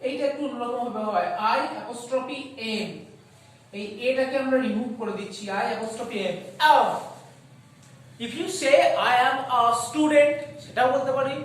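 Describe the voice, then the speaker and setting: A woman with a Bengali accent teaching an English grammar lesson, switching between Bengali and English, slowing down to stretch each English example word and asking whether the class has understood. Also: high voice. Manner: asks checking questions like "okay?" and "is that clear?". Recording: echoey room, voice far from the mic.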